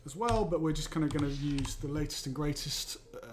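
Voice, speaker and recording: A man explains software in a casual livestream demo. He talks in a relaxed, easygoing way. His voice sits a little higher than most men's. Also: a little fast, slight background noise. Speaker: guest presenting software.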